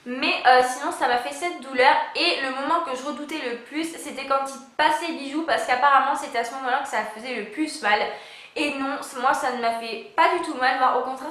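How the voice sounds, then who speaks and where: A woman's voice: high-pitched, sharp tone. A young woman vlogging in a casual, hesitant, explanatory chat, her articulation slightly impeded by a fresh tongue piercing. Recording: roomy, echoing home-video sound.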